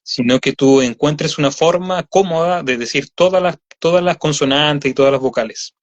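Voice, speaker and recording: This recording, slightly dull and lo-fi, features a male voice actor with a Chilean accent chatting as a guest in a casual interview. His voice runs on the high side at a normal speed, and he explains things at length with many fillers.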